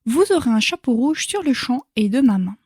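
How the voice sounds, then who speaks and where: A woman's voice: on the high side, expressive, fairly quick, darkish tone, husky, no echo, clean studio sound. Woman voicing a sardonic warrior monk. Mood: mocking threat. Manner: sardonic, threatening. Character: fierce mocking warrior monk, adult man.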